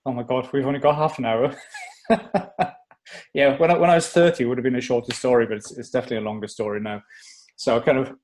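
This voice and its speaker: A man's voice: mid-range voice, fairly even intonation, quick pace, pauses often, darkish tone, a little hiss or hum. A middle-aged man from South Wales with a Welsh accent, talking as a podcast guest in a rambling, self-deprecating way full of fillers and restarts. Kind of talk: casual interview chat.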